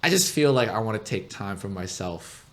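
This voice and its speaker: A man's voice: fairly low pitch, very animated, normal speed. A young man co-hosting a podcast, talking casually in a rambling, chatty way and laughing often. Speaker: podcast co-host. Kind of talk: casual chat.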